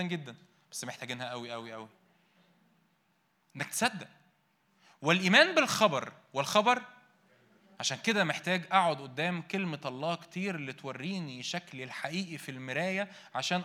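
Fast, bright-voiced Egyptian preacher man. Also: expressive. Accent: Egyptian Arabic. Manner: emphatic, asks the congregation questions and answers them himself; swings between loud bursts and quiet, low-voiced asides. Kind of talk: sermon.

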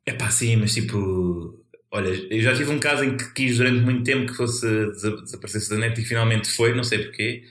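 A man's voice: medium pitch, fairly quick, a bit bright. A man with a European Portuguese accent, a comedian rambling in casual podcast chat, full of slang fillers. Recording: roomy echo.

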